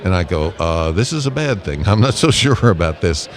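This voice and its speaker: Against the loud crowd of a busy convention, a man interviewed as a public relations manager answers conversationally, enthusiastic, talkative and emphatic. His voice is deep, with big pitch swings and a moderate pace.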